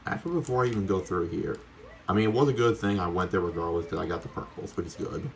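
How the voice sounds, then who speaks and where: A man's voice: deep voice, fast, vocal fry. A man giving casual, chatty, rambling gameplay commentary as a streamer talking to his viewers. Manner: casually sweary. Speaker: video game streamer.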